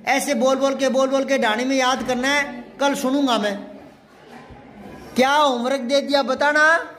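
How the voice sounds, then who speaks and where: A man's voice: very high-pitched, fairly even intonation, measured pace, fairly bright tone, slight background noise. A man teaching a classroom lesson, patiently repeating words for the children to learn. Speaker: Hindi teacher.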